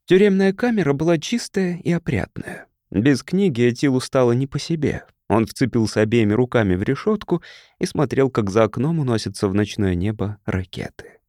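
A man narrating a story as an audiobook, with expressive storytelling. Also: mid-range voice, moderate pace, no echo, clean studio sound.

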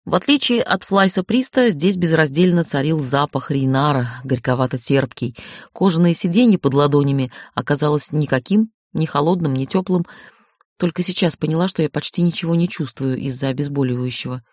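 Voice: medium pitch, a little fast, a little mellow, dry recording. Dry-voiced audiobook narrator. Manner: wry, emotional inner monologue. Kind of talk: first-person novel narration.

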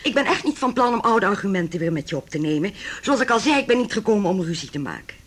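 Playing a wealthy, haughty mother in a Dutch radio play, a middle-aged woman who coldly opposes her son's marriage, the actress speaks at a quick pace with big pitch swings in a mid-range voice. Her tone is formal, condescending and cutting.

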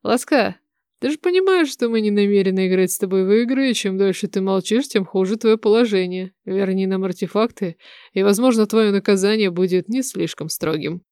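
A calm golden dragon, male and coolly wry, as a woman narrator puts him on, talks in a measured, unhurried way in a storybook fantasy. The sound is dry and close to the mic, with a middle-pitched base voice. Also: clear, resonant tone, no room sound, close to an everyday voice.

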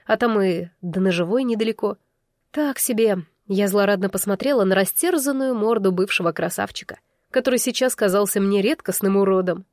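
A woman's voice: medium pitch, a little mellow, no echo, clean studio sound. Woman reading a tense first-person audiobook. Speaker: audiobook narrator. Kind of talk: scripted first-person fantasy narration.

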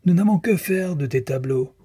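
A man's voice: a little high, lively intonation, normal speed, mellow, husky, voice pushed up. A man voicing a thin male radical who speaks in a tragic tone and thunders against corruption. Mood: indignant. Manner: tragic, denouncing.

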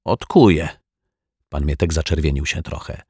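A man's voice: moderate pace, husky, dry recording, clean studio sound. A man reading a children's detective story aloud as an audiobook narrator, voicing the characters in turn. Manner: voices the characters with raised pitch and louder delivery.

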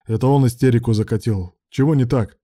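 A man's voice: mid-range voice, a little fast, mellow, no echo, studio quality, close to an everyday voice. A man reading aloud, voicing a cocky, domineering man who teases and mocks in a romance audiobook. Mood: mocking.

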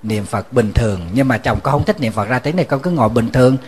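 A man, a Buddhist monk, giving a sermon as a lively storyteller who repeats words when he restarts. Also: fast, a little hiss or hum. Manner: storytelling, acting out quoted voices with rising pitch.

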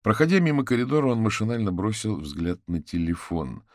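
A man narrating an audiobook in an expressive, animated reading. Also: fairly low pitch, fairly quick, no echo, clean studio sound. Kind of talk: scripted narration.

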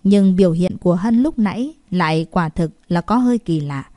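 A woman narrating a story in an even, steady manner. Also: fairly low pitch, normal speed, no echo, studio quality. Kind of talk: audiobook narration.

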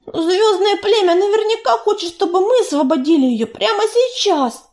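Woman doing a young warrior she-cat, storybook audiobook, high shrill voice, swoops up and down, stubborn and pleading. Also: big pitch swings, normal speed, darkish tone. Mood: urgent pleading.

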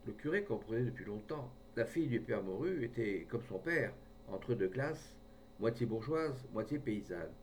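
A man reading a short story aloud in a measured way, recorded from a distance with a faint rumble behind. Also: lively intonation. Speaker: audiobook reader.

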